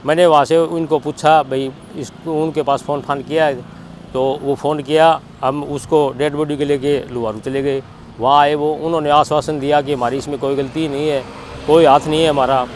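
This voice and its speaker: With a steady tone and moderate pace, a middle-aged man with a Haryanvi accent from Haryana, India, recounts events as a bereaved father giving testimony. His voice is a little high, and he speaks plainly and spontaneously, frequently repeating others' words. There's a little hiss or hum.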